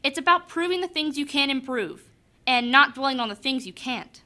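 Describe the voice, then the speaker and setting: Casting: teenage female candidate, high bright voice, scripted motivational school speech. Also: animated, moderate pace. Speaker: student election candidate.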